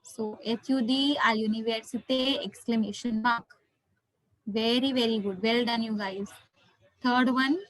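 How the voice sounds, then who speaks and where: A woman's voice: fairly high pitch, steady tone, measured pace, a bit bright, no echo, rough recording. A woman with an Indian accent teaching an interactive online class as a language teacher, encouraging and full of praise, often repeating herself. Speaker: French teacher.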